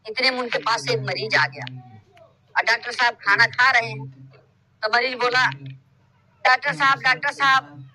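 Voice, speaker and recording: High-voiced man telling stand-up jokes. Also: moderate pace, long pauses, crowd noise, rough recording. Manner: shouts punchlines, laughs while telling. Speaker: stand-up comedian.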